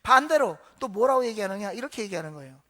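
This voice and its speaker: A woman's voice: medium pitch, lively intonation, quick pace, a bit bright. A woman pastor preaching a sermon in a church, asking the congregation questions and answering them herself. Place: church sanctuary.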